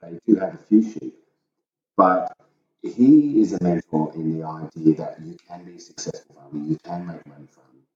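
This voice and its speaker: A man's voice: low-pitched, normal speed, recorded from a distance. A middle-aged man, a podcast guest, talking in a plain, matter-of-fact way. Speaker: guest, host's husband. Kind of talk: casual podcast chat. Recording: dull, echoey, off-mic.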